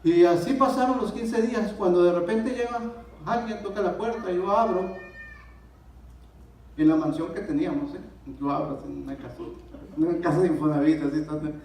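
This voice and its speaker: A man with a Mexican accent giving a personal testimony in church, telling his story with lively, acted-out dialogue. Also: sits high, fairly quick, slight background noise. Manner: animated storyteller, acts out dialogue. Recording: echoey church hall, distant mic.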